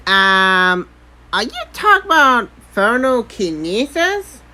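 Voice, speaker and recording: Woman co-commenting, slow and kinda unsure, bright voice. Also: fairly high pitch, sing-song, soft background music, rough recording. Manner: hesitant, searching for words. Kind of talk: casual commentary chat.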